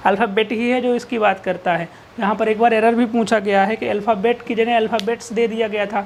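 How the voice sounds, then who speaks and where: A woman's voice: medium pitch, slight background noise. Woman teaching English grammar in Hindi. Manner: asks rhetorical questions and answers them herself; repeats key terms, drills with "ठीक है". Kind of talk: exam-prep classroom lecture.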